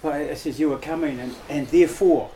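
A man hosts a casual radio show, speaking haltingly in short phrases with pauses. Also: a little high, mellow, slight background noise. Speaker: radio host.

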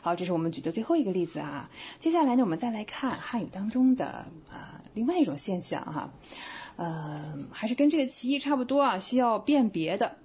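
A woman gives a Chinese grammar lesson on community radio, her voice slightly husky. Her pitch moves in a lively way as she explains. She reads each example sentence slowly, leaning on the key words, and keeps checking in with her listeners. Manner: slow, deliberate reading of example sentences with stressed words; patient, explanatory, with many tag questions.

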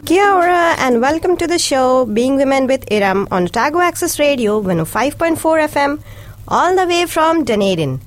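Lively Indian-born woman radio host. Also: sits high, moderate pace, soft background music. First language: Hindi and Urdu. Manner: friendly, lively and welcoming. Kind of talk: community radio interview. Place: radio studio.

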